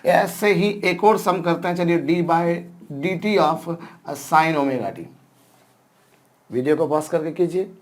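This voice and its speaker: A man's voice: fairly high pitch, slow. A man teaching a lecture, who keeps asking his students questions and then answering them himself. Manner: addresses students repeatedly, asks and answers his own questions. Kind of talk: classroom lecture.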